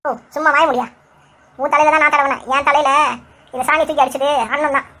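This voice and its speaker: A woman's voice: sits high, little pitch movement, fast talker, bright, forceful tone. A woman voicing a sarcastic, bossy older woman in a cartoon. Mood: accusing. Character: sharp-tongued older woman, mocking in-law. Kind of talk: cartoon voice acting.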